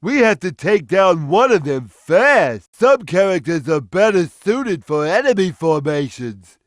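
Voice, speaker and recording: A big, gentle cartoon cat for a video game. The voice sits fairly high for a male and bounces widely in pitch. It moves slowly, with a simple, earnest, slow-witted and good-natured manner, recorded very dry. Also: sing-song, no echo. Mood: earnest, helpful. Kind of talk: video game character voice lines.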